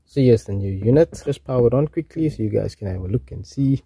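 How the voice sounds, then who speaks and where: Hosting a DIY installation tutorial, a man with a South African accent talks informally to his viewers, addressing them as "guys" while working hands-on. He speaks fast with lively intonation in a medium-pitched, warm, husky voice. The recording is dry.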